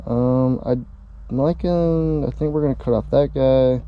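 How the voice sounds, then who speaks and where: This fishing channel host, a young man, speaks at a medium pitch and a little slowly, chatting easily as he displays lures and rigs his line in a small ice shelter. The audio has its highs cut off and a little hiss or hum, recorded through a camera mic and then a head-mounted action camera.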